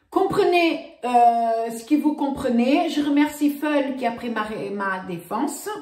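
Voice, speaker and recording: A woman, ranting indignantly to her viewers in a casual vlog, often repeating "voilà". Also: high voice. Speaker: vlogger. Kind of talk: casual rant to camera. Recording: roomy echo.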